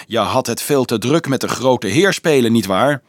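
A man voicing a scornful older monk who accuses in a sneering, drawn-out tone, as read from a storybook. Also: medium pitch, lively intonation, no echo, clean studio sound, close to an everyday voice.

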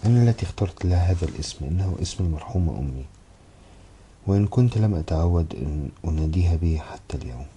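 A man reads a first-person novel aloud in a very deep voice. His tone is dark and heavy, and he moves through the text at a brisk, steady clip with a measured literary delivery. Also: slight background noise. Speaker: audiobook narrator.

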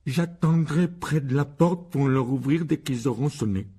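A man's voice: on the high side, normal speed, warm tone, husky, pitched above the performer's own voice. A man reading an audiobook and voicing a spoiled, chubby boy who speaks in a put-on, mannered sing-song. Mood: smug.

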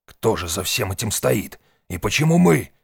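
Weary old fixer, grim and curt, low voice, male narrator. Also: very animated, normal speed, vocal fry, slightly rough, no room sound, studio quality, full character voice. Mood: angry.

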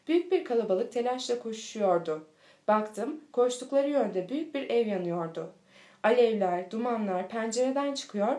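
A woman reading a children's storybook aloud in a steady, clear manner. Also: a little high. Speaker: audiobook reader. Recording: echoey room.

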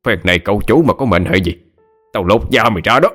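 A man voicing a harsh older rich master who barks gruff, abusive orders. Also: low voice, fairly quick, faint music behind, close to an everyday voice. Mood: furious.

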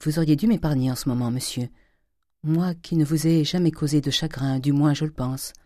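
A woman reading aloud voicing a suffering older wife and mother who pleads softly and slowly with her husband. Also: low voice, dry recording, studio quality, lightly acted. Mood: pleading. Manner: soft, pleading, slow.

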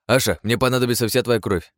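A man's voice: mid-range voice, quick pace, no echo, pitched above the performer's own voice, natural voice. A man voicing a smug, scheming young male hero who gives mocking orders, in an audiobook.

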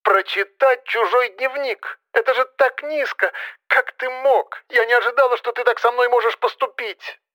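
A man's voice: fairly high pitch, normal speed, pushed and bright, husky, no echo, pitched above the performer's own voice. A man reading an audiobook, voicing a hurt young woman who reproaches him and is close to tears. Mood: hurt, indignant. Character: upset young woman, tearful and indignant. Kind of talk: audiobook character voice.

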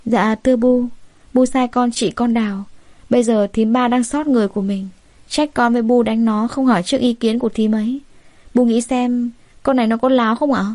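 A woman voicing a scheming elder sister-in-law who talks fast in a high, shrill, sneering tone. The voice stays mellow in a dry, close recording. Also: fairly even intonation, dry recording, close to an everyday voice.

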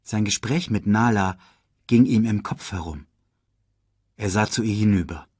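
A man narrating a children's storybook audiobook in a slow, measured reading. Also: on the low side, darkish tone, breathy edge, dry recording, studio quality.

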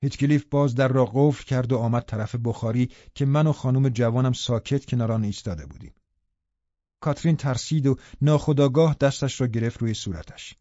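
Male audiobook narrator, mellow and even, dry slightly muffled studio sound. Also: mid-range voice, no echo. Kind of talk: scripted narration.

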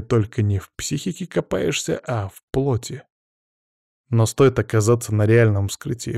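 A male narrator telling a first-person story in a measured, wry, reflective way. His voice is mellow and dark, sits at a middle pitch, and is recorded close and dry with no room sound. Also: gravelly, dry recording.

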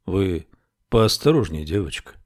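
A man voicing a kindly country gendarme in an audiobook, speaking low and soft to calm someone. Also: measured pace, no echo, clean studio sound, full character voice. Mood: soothing. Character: gruff but kindly male country gendarme.

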